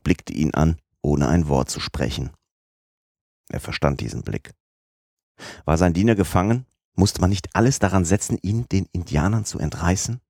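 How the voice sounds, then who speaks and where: A man narrating an audiobook in a measured, even storytelling manner. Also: rumbling low, vocal fry, no room sound, studio quality. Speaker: audiobook reader.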